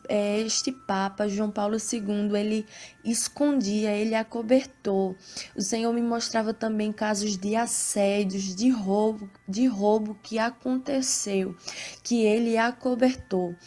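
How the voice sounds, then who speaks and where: A woman with a Brazilian Portuguese accent reading scripture and giving a spiritual testimony in a slow, solemn, measured way. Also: on the high side, a little mellow. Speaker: evangelical preacher.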